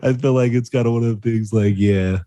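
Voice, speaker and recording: A man's voice: mid-range voice, fairly even intonation, fairly quick, warm tone, no echo. A man from Arizona co-hosting a podcast in casual chat, laid-back and profane, laughing often. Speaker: podcast co-host.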